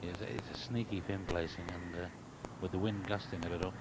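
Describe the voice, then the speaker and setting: A man's voice: deep voice, fairly even intonation, fairly quick. A man giving live golf commentary in a conversational, informative way. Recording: very noisy outdoor broadcast sound.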